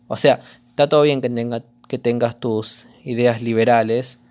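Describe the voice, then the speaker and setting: A man with an Argentine accent, hoarse, rambling through a casual commentary vlog with lots of slang and fillers. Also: mid-range voice, fairly even intonation, normal speed, a little mellow. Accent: Argentine Spanish. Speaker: vlogger.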